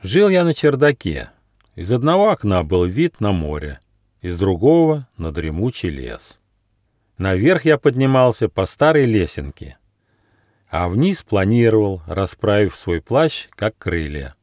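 A man reading a children's fairy tale with an animated, rising and falling voice. The sound is close and dry, with no room around it. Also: fairly low pitch, unhurried, no echo. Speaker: author reading his audiobook. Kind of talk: storybook narration.

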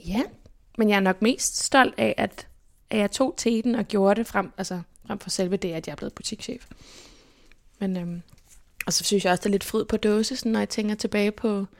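A young woman from Denmark, telling stories from her life as an interview guest in a lively way and acting out what people said. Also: mid-range voice, gravelly. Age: young adult. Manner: lively, animated retelling with quoted inner speech. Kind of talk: casual personal storytelling.

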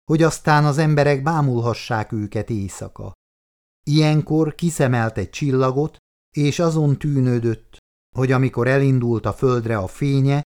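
A man with a medium-pitched voice reads an audiobook, narrating the script in a calm, measured storytelling manner.

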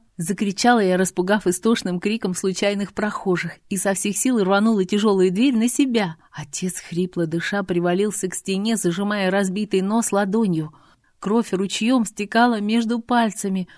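A woman reading a first-person novel aloud, in an expressive, measured way. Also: medium pitch, dry recording, clean studio sound. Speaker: audiobook narrator.

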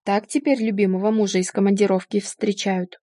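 A woman reading the lines of a calm, condescending husband who cheated on his wife, in an audiobook. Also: mid-range voice, fairly quick, no room sound, studio quality, close to an everyday voice. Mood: smug. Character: unfaithful husband, middle-aged man, smug and dismissive.

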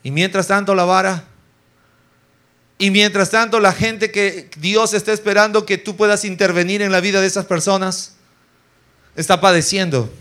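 A male pastor at a weekly church service with a notably high-pitched voice. He preaches in an animated way, acting out scenes and firing rhetorical questions at the congregation. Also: moderate pace. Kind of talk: sermon.

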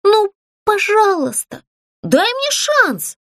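A woman voicing a vain, showy female doll actress with a shrill, theatrical manner. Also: big pitch swings, measured pace, bright, forceful tone, no echo, studio quality, heavily acted. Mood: pleading.

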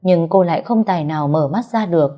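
A woman narrating a story in a steady, even storytelling manner. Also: on the low side, fast talker, dull audio, faint music behind. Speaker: audiobook narrator.

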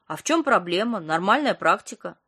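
A woman's voice: medium pitch, big pitch swings, brisk, bright, forceful tone, slightly rough, heavily acted. A woman reading an audiobook, voicing a young female hospital patient who talks earnestly and a little nervously, eager to please. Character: young woman patient after surgery, anxious but polite.

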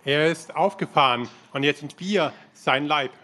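A man interpreting a sermon live, translating quickly with frequent filler sounds. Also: fairly high pitch, sharp tone. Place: church hall.

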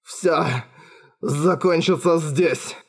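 A man's voice: sits high, sing-song, a little slow, voice pushed up, exaggerated voice. A man voicing a desperate, trembling father. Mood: broken. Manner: pleading, trembling. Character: anguished older father, desperate. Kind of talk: audiobook character voice.

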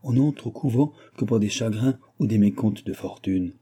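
A man reads an aging king who is proud yet fond of his daughter. The voice sits low and very dark, with a husky grain. It is a plain audiobook reading, with little change from the reader's own voice. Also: moderate pace. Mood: reproachful.

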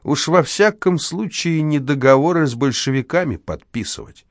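Male reader as a hot-tempered, ironic locksmith; high-pitched, scornful, loud. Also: moderate pace, dry recording, studio quality, lightly acted. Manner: shouting, sneering.

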